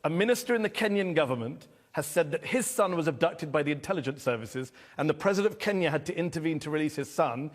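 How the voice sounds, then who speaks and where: A man's voice: on the high side, lively intonation, fast talker, few pauses. A man hosting a confrontational TV interview, pressing his guest with incredulous questions. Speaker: TV interviewer and host.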